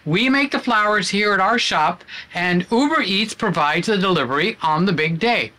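A man's voice: high-pitched, lively intonation, moderate pace, bright, forceful tone. A man reading a business answering machine greeting aloud, cheerful and overly careful with his articulation.

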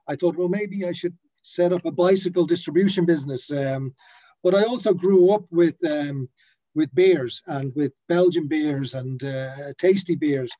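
Warm in tone, a little high, and moderately paced, this man in his 50s, raised in the Netherlands, talks from his office about his brewery, a brand banner at his back. Captured by a laptop webcam on a video call, he hesitates a lot, restarting and using plenty of fillers.

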